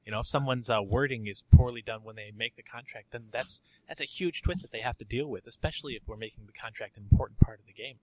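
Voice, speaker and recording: A man's voice: mid-range voice, fast, hardly any pauses, a little hiss or hum, rough recording. A man talking casually on a podcast, eager to jump in with his point.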